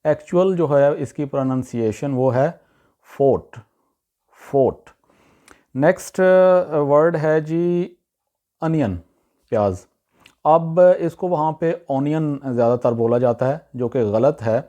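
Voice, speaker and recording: A man with a warm, mellow voice teaches pronunciation in an unhurried, casual way. He pauses often with fillers and says each word slowly, then says it again. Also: a little high, muffled recording. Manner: relaxed, repeats words slowly with many fillers. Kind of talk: casual spoken lesson.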